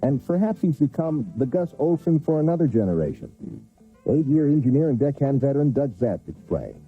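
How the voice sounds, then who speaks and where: A male TV news reporter narrating a scripted feature story in a measured, storytelling delivery. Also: medium pitch, very animated, breathy edge. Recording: tinny VHS broadcast with music.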